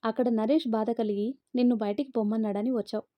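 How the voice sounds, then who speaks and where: A woman's voice: a little high, fairly even intonation, fast talker, dry recording, dull audio, natural voice. A woman voicing a stern middle-aged mother who harshly lectures her grown daughter.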